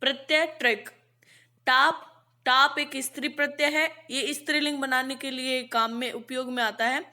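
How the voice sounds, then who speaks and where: A woman's voice: high-pitched, fairly even intonation, normal speed, sharp tone. A woman teaching an exam-prep grammar lesson, stating each rule and then stretching out worked examples methodically.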